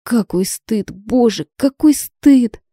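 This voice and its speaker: A flustered young heroine who blurts out exclamations, as a woman reads her. The voice sounds dark and mellow, and the recording is dry. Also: mid-range voice, animated, measured pace, dry recording, voice pushed up, natural voice.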